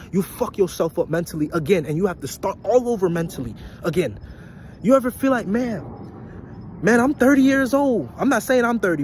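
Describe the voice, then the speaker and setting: A man's voice: high voice, a little mellow, slight background noise. A young man giving a blunt, profane motivational rant to his viewers, repeating his points and preaching about intelligence and life lessons. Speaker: vlogger.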